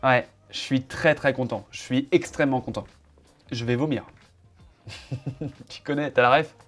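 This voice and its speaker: A man's voice: mid-range voice, fairly even intonation, moderate pace, music in the background. A man in his home office chatting casually to camera, showing off his setup and teasing his cameraman in a playful, joking way.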